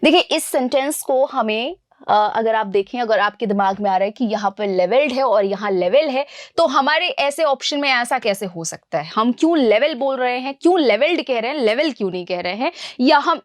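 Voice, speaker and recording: Brisk, bright woman teaching English grammar. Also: a little high, lively intonation, dry recording, clean studio sound. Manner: asks questions and answers them herself, calls students "beta" and "guys". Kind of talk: exam-prep grammar lesson.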